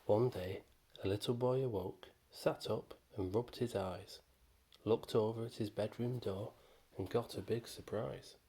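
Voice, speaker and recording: A man reading a rhyming children's picture book aloud in a slow, gentle, rhythmic way. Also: on the low side, fairly even intonation, slightly rough. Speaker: storyteller.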